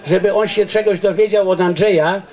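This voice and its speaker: Older man lecturing, high-pitched voice. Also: steady tone, brisk, darkish tone. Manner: earnest, digressive explaining with frequent restarts. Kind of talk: informal public lecture. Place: outdoors under a garden tent. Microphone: handheld microphone.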